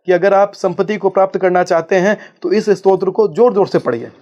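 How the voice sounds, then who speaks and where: Man, spiritual guest, expounding, higher pitch, reciting verses, slightly muffled. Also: a little fast, a little mellow. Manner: expounding, chants Sanskrit verses. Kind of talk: explanatory interview talk.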